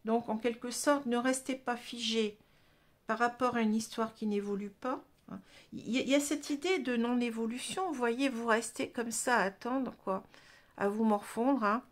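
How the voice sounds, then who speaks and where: A woman's voice: on the high side, moderate pace. A woman with a French accent giving a casual tarot reading, chatty, with many restarts and tag words. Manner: chatty, frequent "hein" and restarts. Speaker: tarot card reader.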